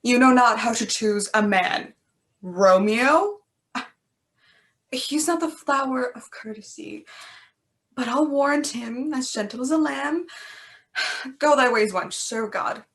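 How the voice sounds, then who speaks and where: A woman's voice: fairly high pitch, slow, long pauses, fairly bright tone. A woman acting a weary old nurse who sighs and complains, in an amateur Shakespeare reading. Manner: sighing, complaining, drawn out. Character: grumbling old female nurse, weary and teasing.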